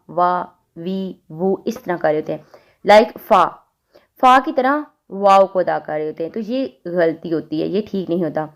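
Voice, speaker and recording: A woman teaching a recitation lesson, explaining letter sounds patiently and repeating them slowly to demonstrate. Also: mid-range voice. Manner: patient, repeats points to the listener.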